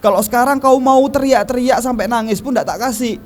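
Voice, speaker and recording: A man's voice: extremely high pitch, brisk, a little mellow, faint music behind. A man voicing a puzzled, scolding middle-aged shopkeeper in a sermon story.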